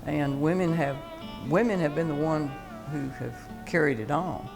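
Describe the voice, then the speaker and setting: A woman's voice: low voice, moderate pace, creaky. A woman, a relative of the founder, speaking proudly and sincerely in an interview. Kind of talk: interview testimonial. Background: music.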